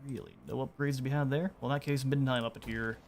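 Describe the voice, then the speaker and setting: A man's voice: medium pitch, fast, a little hiss or hum. Man chatting casually over a strategy game. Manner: relaxed, chatty, explains as he plays. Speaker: streamer. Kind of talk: casual gameplay commentary.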